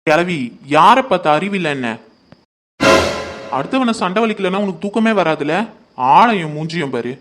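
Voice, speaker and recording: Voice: medium pitch, expressive, normal speed, long pauses, a bit bright, faint music behind, close to an everyday voice. A performer voicing a feisty young woman in a cartoon who mocks and defies an old neighbour. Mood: defiant mocking. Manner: mocking, defiant.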